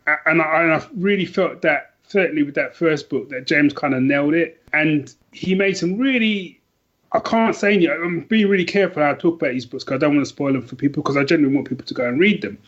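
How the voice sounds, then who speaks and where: A man speaks casually and enthusiastically about books as a podcast guest, emphatic and often restarting his sentences. His voice is on the high side with a fairly bright tone, he talks fast, and the sound is lo-fi.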